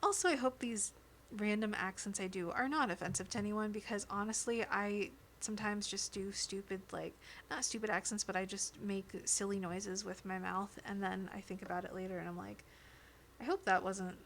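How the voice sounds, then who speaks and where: A woman streamer chats casually with her viewers, rambling from one thought to the next and laughing easily. She speaks into a close dynamic microphone at an ordinary pitch, with a faint hiss of noise underneath. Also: fairly even intonation, normal speed, a bit bright. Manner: chatty and rambling, often laughing. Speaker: livestreamer. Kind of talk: casual livestream chat with viewers. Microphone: dynamic studio microphone.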